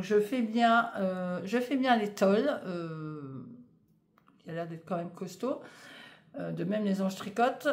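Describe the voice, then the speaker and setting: Filming a casual knitting vlog in her home conservatory, this woman unboxes yarn while talking hesitantly, with lots of fillers. She has a mid-range voice with a darkish tone.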